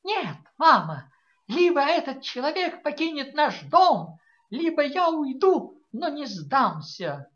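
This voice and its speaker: A woman's voice: sits high, sing-song, slow pace, a bit bright, muffled recording, voice pushed up, full character voice. Woman doing tearful young girl, theatrically pleading. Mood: insistent.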